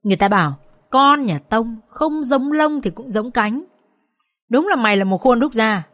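A woman's voice: animated, normal speed, fairly bright tone, no room sound, clean studio sound. A woman playing a furious scheming mother-in-law. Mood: scornful. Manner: shrill, scolding, cursing.

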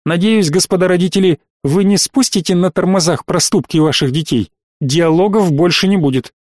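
An authoritative academy rector, read by a male narrator, formal and lecturing in tone. His voice sits a little high and the recording is dry. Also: moderate pace, dry recording, close to an everyday voice.

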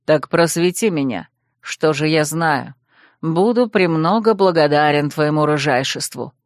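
A woman voicing a sneering young male northern ice mage who hisses and mocks roughly. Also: low-pitched, expressive, a little slow, no room sound, studio quality, voice pushed down. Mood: mocking. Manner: mocking, rough, hissing.

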